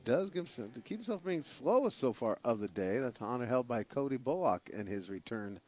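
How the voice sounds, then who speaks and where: A man's voice: medium pitch, sing-song, a little fast, a little mellow. A man calling live practice laps at a small speedway, in a folksy, joking way. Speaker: race announcer. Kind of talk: live race commentary.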